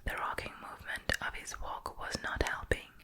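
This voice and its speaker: A woman reading a novel aloud in a whispered role-play for ASMR, with a slow, gentle unvoiced whisper on a close microphone that moves from ear to ear. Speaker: ASMR creator. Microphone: close ear-to-ear ASMR mic.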